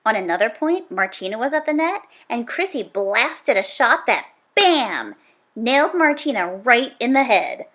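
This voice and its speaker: A woman with a slightly high voice reads a children's nonfiction book aloud with animated expression. Her delivery is dramatic and emphatic, full of punchy exclamations and stretched-out key words.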